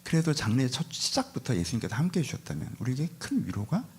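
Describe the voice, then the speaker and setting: Male pastor, husky voice, animated delivery, chatty church sermon full of questions to the pews. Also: medium pitch, quick pace. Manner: conversational preaching, frequent rhetorical questions to the congregation; mixes polite speech with casual asides. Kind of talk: Easter Sunday sermon. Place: church service.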